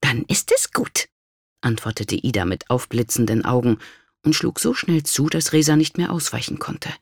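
This is scripted narration by an audiobook narrator reading a historical novel, told in an even, measured storytelling style. The mid-range voice was recorded dry, with clean studio sound.

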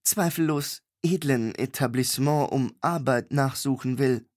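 A man's voice: medium pitch, a little slow, natural voice. A male audiobook reader voicing a proud young woman who speaks with stiff, forced politeness. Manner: stiffly formal, forced calm. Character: young woman, proud, sharp-tongued acolyte.

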